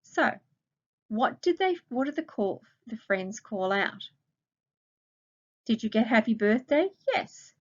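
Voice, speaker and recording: A woman's voice: on the high side, big pitch swings, takes it slowly, long pauses, highs cut off. A woman with an Australian accent, a primary school teacher patiently explaining a recorded grammar lesson to children and asking them questions.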